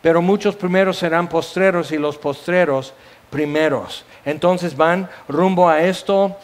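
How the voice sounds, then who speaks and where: High-voiced lively Mexican preacher. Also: male voice, unhurried. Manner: lively storytelling with sound effects and asides. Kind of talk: sermon.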